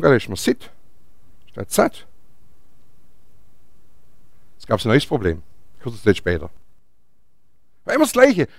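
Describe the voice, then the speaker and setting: A man's voice: mid-range voice, creaky, dry recording, studio quality. A man preaching a sermon, telling a Bible story in a chatty way and asking his listeners questions. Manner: chatty, asks the audience questions.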